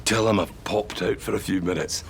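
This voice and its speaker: An actor with a Scottish accent playing a prisoner who holds a hostage, sing-song and mocking, swinging from jovial to threatening. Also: male voice, lowish voice, a bit bright, slight background noise, heavily acted. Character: charming, menacing male prisoner holding a hostage. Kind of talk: television sitcom acting.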